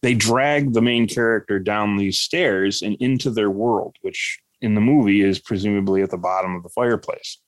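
A man co-hosting a podcast, chatting casually and telling stories in a rambling, animated way. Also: on the low side, moderate pace, hardly any pauses, dry recording. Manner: rambling, animated storytelling with quoted voices. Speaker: podcast co-host. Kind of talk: casual chat.

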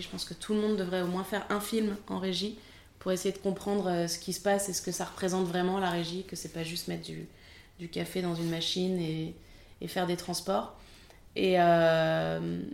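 A woman's voice: fairly low pitch, gravelly, a little mellow, roomy sound. A French woman in her thirties, a film assistant director, chatting candidly in an interview with many fillers. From France. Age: 30s. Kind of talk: casual interview.

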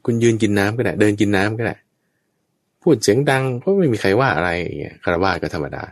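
Lively-voiced man teaching Buddhist Dharma. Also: fairly low pitch, rapid-fire, vocal fry, no room sound, studio quality. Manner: explains patiently, checks understanding with the listener.

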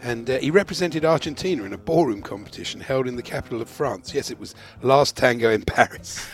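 A man's voice: medium pitch, lively intonation, fairly quick, soft background music. A man setting questions in a podcast game, delivering scripted clues and punning gags amid casual chat. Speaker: podcast quiz setter.

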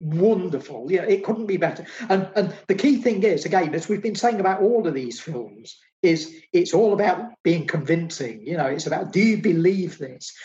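Enthusiastic man, higher voice, lo-fi sound. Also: animated, moderate pace, few pauses, darkish tone. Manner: enthusiastic, emphatic, repeats phrases. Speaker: film podcast co-host. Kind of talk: casual film discussion.

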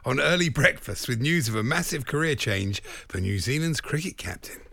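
Man, radio co-host, gravelly, husky, dry close sound, laughs a lot. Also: mid-range voice, animated, moderate pace, pushed and bright, no room sound. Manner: laughs often, easygoing. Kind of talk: casual banter.

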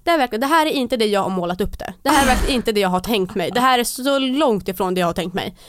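A young woman in casual chat, telling a story lively and acting out what people said. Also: fairly high pitch, dry recording, studio quality. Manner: lively storyteller who acts out quotes.

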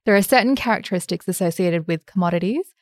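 A sweet-voiced woman co-hosts a casual investing podcast. Her pitch sits a little low, and the sound is close and dry. She talks in a chatty, plain way. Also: quick pace, dry recording. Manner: chatty, laughs easily, plain explainer. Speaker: podcast co-host.

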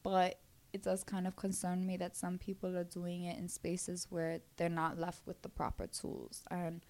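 A woman's voice: fairly low pitch, monotone, moderate pace, darkish tone. A woman from Brooklyn with a Brooklyn accent, talking candidly and casually as an interview guest, blunt and slangy with frequent swearing. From Brooklyn, New York.

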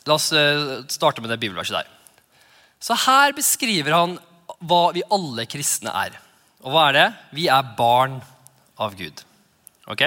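A man preaching a sermon as pastor, lively and conversational, acting out little quoted exchanges. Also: high voice, long reverb tail.

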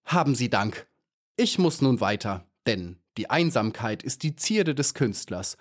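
Man voicing a grandiose beetle poet for a storybook, lively swooping pitch, unhurried. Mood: pompous. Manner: grandiose, self-important, theatrical. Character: pompous little male ladybird poet.

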